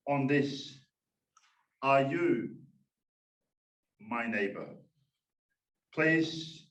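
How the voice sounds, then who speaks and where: A man from Tonga, a minister, opens a conference workshop in a slow, measured way, pausing often as he speaks. His voice sits in the middle range and rings through an echoey room, picked up from some distance. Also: medium pitch, highs cut off. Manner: slow and measured, many "uh" pauses. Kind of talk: formal welcome and speaker introduction.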